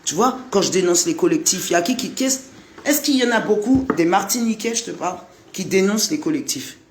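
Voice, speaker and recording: Man from Guadeloupe, high voice, preachy repetitive vlog rant, faint hiss behind. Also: lively intonation, brisk. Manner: repetitive, rhetorical, addresses the listener directly. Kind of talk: impassioned monologue to camera.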